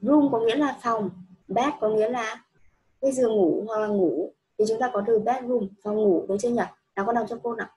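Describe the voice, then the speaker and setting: A woman's voice: fairly high pitch, a little fast, warm tone, rough recording. A woman teaching a child English, patient and coaxing, repeating each answer back. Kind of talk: one-on-one children's English lesson.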